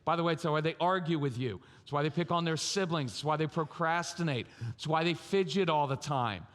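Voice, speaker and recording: A man giving a lively, humorous talk at a parenting conference, speaking straight to the audience. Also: a little high, fairly quick. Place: large church or conference hall. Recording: reverberant conference hall.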